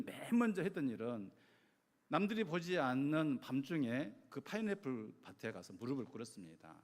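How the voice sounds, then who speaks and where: A middle-aged male pastor giving a sermon, telling a story with lively acted-out quotes. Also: fairly high pitch. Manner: animated storytelling, acting out voices in quotes. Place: church sanctuary. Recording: long church hall reverb.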